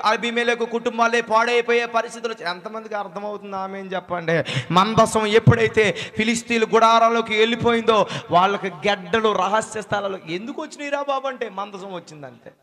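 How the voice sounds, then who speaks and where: High-voiced preaching man in a reverberant hall. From India. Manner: preaching with call-and-response, urging the congregation to say amen; swings from loud ringing shouts to low murmured asides. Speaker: pastor. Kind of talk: revival sermon. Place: church hall.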